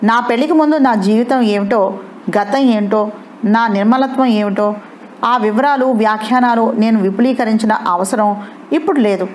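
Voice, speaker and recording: A woman's voice: a little high, normal speed, a little mellow, a little hiss or hum, lightly acted. Brief: a defiant young wife, read by a woman, cool and cutting.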